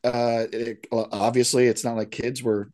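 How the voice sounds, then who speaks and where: A man's voice: medium pitch, flat delivery, unhurried, a little mellow. A man co-hosting a casual movie podcast, talking with enthusiasm and frequent restarts. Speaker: podcast co-host. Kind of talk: casual movie recap chat.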